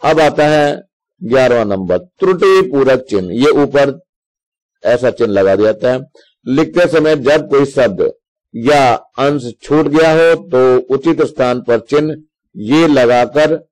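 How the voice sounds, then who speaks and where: A man's voice: medium pitch, darkish tone, poor audio. A male teacher explaining Hindi grammar to schoolchildren, reading examples out step by step in a patient way.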